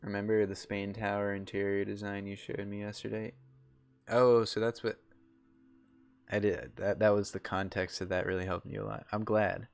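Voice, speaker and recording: A man's voice: fairly low pitch, level tone, moderate pace, gravelly, soft background music. A young man streaming a game, chatting casually in a rambling way full of fillers and restarts. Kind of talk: casual chat while gaming.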